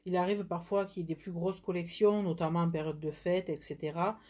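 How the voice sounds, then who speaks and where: A woman's voice: lowish voice, fairly even intonation, brisk, dark tone. A woman with a southern French accent, chatting through a live nail polish demo with many fillers and restarts. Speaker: nail product seller.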